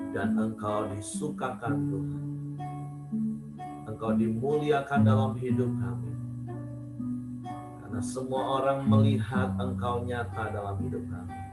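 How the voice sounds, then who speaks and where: A man leading a slow, devout spoken prayer, drawing out his closing phrases. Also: mid-range voice. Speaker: prayer leader. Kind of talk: spoken prayer over guitar. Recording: roomy sound with loud guitar music. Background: guitar playing.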